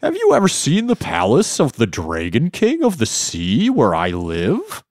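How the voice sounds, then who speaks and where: Man reading as an obsequious high-voiced jellyfish flatterer, storybook read-aloud. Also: measured pace, dry recording, clean studio sound. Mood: flattering. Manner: high, sweet-talking voice. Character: eager, flattering male jellyfish servant.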